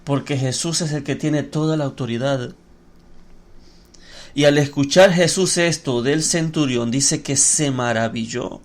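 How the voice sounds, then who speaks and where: A man's voice: mid-range voice, a little slow. A man preaching a sermon on a podcast microphone, emphatic and repetitive, asking rhetorical questions. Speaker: pastor.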